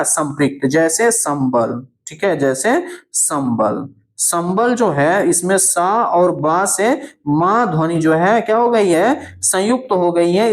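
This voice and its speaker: A male teacher going through an exam answer key, asking questions and answering them himself, often checking in and drawing words out slowly for emphasis. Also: high voice. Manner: keeps checking in with "thik hai".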